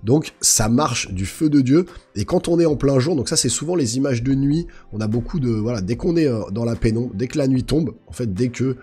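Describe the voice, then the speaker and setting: A man with a hoarse, guttural, slightly sick-sounding voice, giving a casual, enthusiastic film review as a channel host. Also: mid-range voice, expressive, moderate pace, warm tone.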